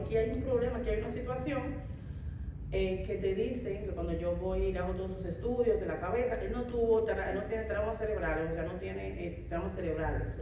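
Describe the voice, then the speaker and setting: A woman telling a personal testimony as a mother, animated, acting out her own words from the past. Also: medium pitch, noisy background. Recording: echoey room, a bit far from the mic.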